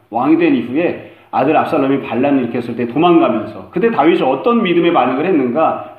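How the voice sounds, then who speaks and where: A man preaching a sermon as pastor, acting out the voices of the people in his stories. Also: a little high. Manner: animated, acts out quoted voices of a child and a mother. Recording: roomy, phone-like narrow sound.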